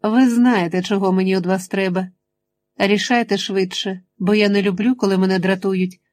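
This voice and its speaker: A woman voicing a menacing, controlling male chemist in an audiobook, speaking slowly and insistently. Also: medium pitch, fairly even intonation, darkish tone, lightly acted. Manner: slow, insistent, threatening.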